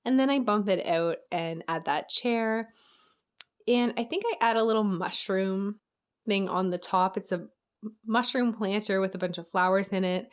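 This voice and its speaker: Casual young woman host, cheerful game-build voice-over, mid pitch, slightly tired voice. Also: moderate pace, clear, resonant tone. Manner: chatty, upbeat, frequent small laughs. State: slightly losing her voice.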